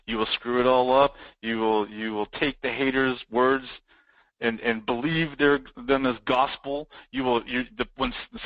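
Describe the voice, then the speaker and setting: A man's voice: mid-range voice, creaky, no room sound, lo-fi sound. A man giving a motivational live business training, talking emphatically and repeating his points for effect. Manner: emphatic, repetitive, fired-up. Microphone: live-streamed online.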